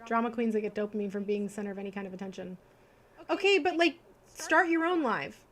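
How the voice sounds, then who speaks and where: A woman livestream host with a medium-pitched voice talks fast, switching between informal, chatty conversation addressed directly to her viewers and reading children's bedtime stories aloud.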